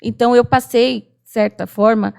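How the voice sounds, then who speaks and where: A woman's voice: on the high side, fairly even intonation, moderate pace, gravelly, a little mellow, clear, resonant tone. A woman in her thirties with a Brazilian Portuguese accent, telling a personal testimony earnestly as a guest in a casual chat, acting out remembered dialogue. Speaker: podcast guest.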